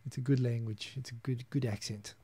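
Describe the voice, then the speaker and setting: This New Zealander in his thirties hosts a casual solo live stream, reading viewer comments with plenty of rambling, chuckles, and restarts. His medium-pitched voice is brisk and steady, mellow with a slight roughness.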